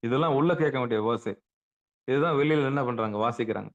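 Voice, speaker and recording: A man delivers a spiritual discourse in an everyday, conversational way. He keeps posing rhetorical questions and answering them, and he repeats words to press his point. The recording is dull and lo-fi, and his voice sits at a middling pitch. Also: fairly quick. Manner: emphatic, repeats words for stress. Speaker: spiritual teacher.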